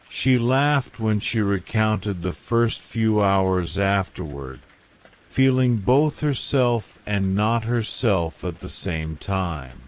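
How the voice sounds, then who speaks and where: A man narrating a scary bedtime story in a hushed, measured whispered style, as a scripted reading. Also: lowish voice. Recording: rain falling behind the voice. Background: steady rain sounds.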